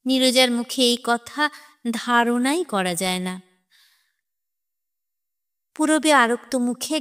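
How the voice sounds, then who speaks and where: A woman narrating a short story aloud with an expressive, theatrical delivery. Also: fairly high pitch, in a large hall. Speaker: audiobook narrator. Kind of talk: dramatic story reading.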